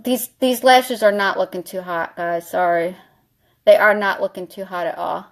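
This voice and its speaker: A woman's voice: mid-range voice, fairly even intonation, normal speed. A woman vlogger chatting animatedly, telling a story while doing her makeup.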